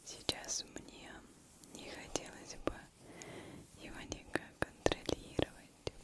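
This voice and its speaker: A woman in her twenties doing ASMR in a barely audible, breathy whisper very close to the microphone, soothingly lingering on and repeating words. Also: takes it slowly. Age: 20s. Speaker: ASMR host. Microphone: close pair of microphones with foam covers.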